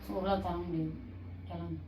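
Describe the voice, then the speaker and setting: A sleepy young woman vlogger, at home at night in a couple prank video, speaks with a lowish, fairly even voice at a moderate pace. She scolds her partner over and over in a heated, repetitive argument, repeating demands and sounding drained and annoyed. She's off-mic and distant in an echoey room, with faint hiss.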